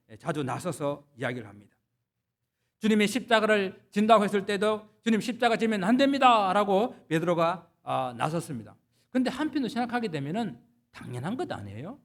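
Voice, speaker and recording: A man, a pastor, preaching a Sunday sermon, retelling scripture stories and asking the congregation rhetorical questions. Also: high-pitched.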